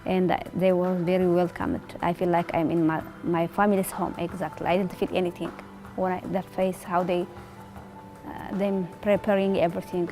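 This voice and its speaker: A woman's voice: on the low side, level tone, moderate pace, mellow, soft background music. A woman, a resettled refugee speaking earnestly in simple phrasing in a documentary interview. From Eritrea.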